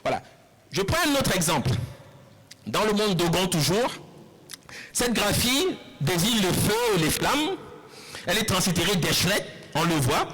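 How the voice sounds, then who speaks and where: A man giving a public lecture, explaining step by step, repeating words slowly and putting questions to the audience. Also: high voice, big pitch swings, a bit bright, slightly rough, low-quality recording. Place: lecture hall.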